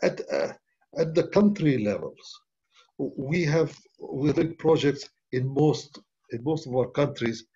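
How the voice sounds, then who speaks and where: An older man answering as a panelist on a webinar, halting with many uh fillers, over a laptop video call. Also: medium pitch, mellow, husky. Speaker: panelist, development bank official. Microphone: laptop webcam video call. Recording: muffled video-call audio.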